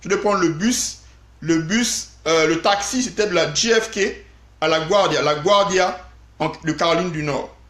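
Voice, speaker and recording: Male live streamer with a high voice telling an animated story to viewers, recorded in an echoey room. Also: normal speed. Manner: animated, addresses viewers directly.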